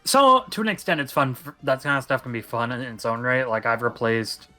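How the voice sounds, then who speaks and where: A young man co-hosting a casual podcast talks at length, rambling and emphatic, with a little speed in his delivery. His mid-range voice sounds pushed and bright, with soft music playing behind him.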